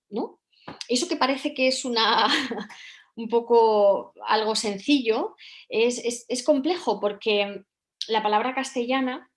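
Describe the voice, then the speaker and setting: A middle-aged woman with a peninsular Spanish accent, a voice and speech professor answering an interview in a measured, lecturing way. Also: mid-range voice. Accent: Spain, peninsular Spanish. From Spain. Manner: measured, lecturing, tags points with "no?".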